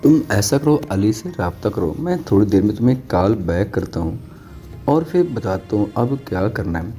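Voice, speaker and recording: An earnest, caring young man in a dramatized storybook reading, as a man reads him, speaking with urgency. His tone is very dark and mellow, with soft music behind. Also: on the low side, expressive, pitched below the performer's own voice, natural voice. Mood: calm. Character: caring young man, anxious would-be rescuer.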